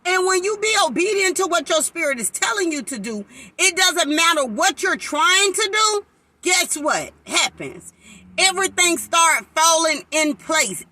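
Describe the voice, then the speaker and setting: A woman's voice: sits high, lively intonation, unhurried, bright, forceful tone. A woman, preaching in a sermon-style live talk and fervently acting out voices.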